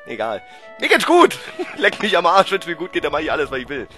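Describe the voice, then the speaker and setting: Male let's-play gamer, excitable and loud, swinging pitch, game music in the background. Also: fast. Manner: excitable, shouts and groans at the game. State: voice cracking. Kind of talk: casual gameplay commentary.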